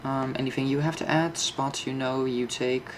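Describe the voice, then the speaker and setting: A man's voice: mid-range voice, steady tone, moderate pace, a little hiss or hum. A man giving a casual, off-the-cuff game tutorial, thinking aloud and explaining as he plays. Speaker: host of a tank game map guide.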